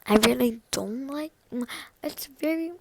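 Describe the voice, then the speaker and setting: A woman films a casual ASMR eating vlog on a phone, speaking slowly in a slightly high voice. She is chatty and giggly, slipping into whispers between loud, delighted reactions. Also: creaky, heavy background noise. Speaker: vlogger.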